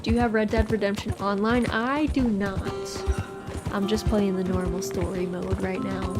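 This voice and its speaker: A woman's voice: mid-range voice, steady tone, normal speed. Chatty American woman streaming over game music. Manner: chilled, cozy, chatty. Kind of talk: casual livestream chat over gameplay. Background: game music, horse hooves and animal sounds.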